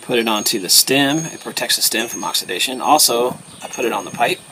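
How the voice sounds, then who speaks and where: Gravelly man giving a casual hands-on demonstration. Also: medium pitch, lively intonation, noisy background. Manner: terse, short fragmented instructions with pauses. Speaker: host of a pipe hobby video series.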